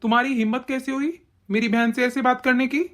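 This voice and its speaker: A woman voicing an angry young husband and brother in an animated cartoon, shouting and bossy. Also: sits high, a little fast, natural voice.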